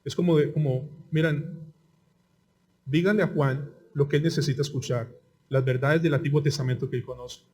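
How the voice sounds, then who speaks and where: A man with a Colombian Spanish accent preaching a sermon as pastor, asking rhetorical questions and swinging between loud outbursts and quiet asides. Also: mid-range voice, fairly even intonation, moderate pace, long pauses.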